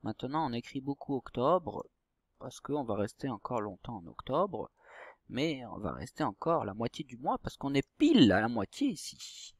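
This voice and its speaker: Patient schoolteacher, slow and clear. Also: male voice, medium pitch, big pitch swings, no room sound, clean studio sound. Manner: slow, patient, stretches words and syllables. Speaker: primary school teacher. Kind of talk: recorded reading lesson for young children.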